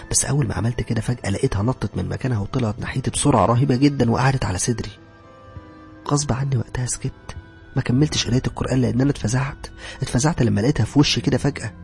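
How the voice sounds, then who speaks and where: With an Egyptian Arabic accent and a mid-range voice marked by vocal fry, a man narrates a horror story in the first person. His tone is tense and at times drops to a whisper.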